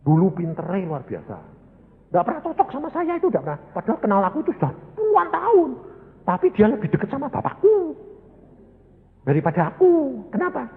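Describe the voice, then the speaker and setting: A man in his sixties with a Javanese accent, preaching a sermon in a folksy storytelling manner, moving from loud exhortation to hushed asides. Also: extremely high pitch, wildly swooping pitch, a little fast. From Indonesia. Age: 60s. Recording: echoey hall over a tinny, phone-like line.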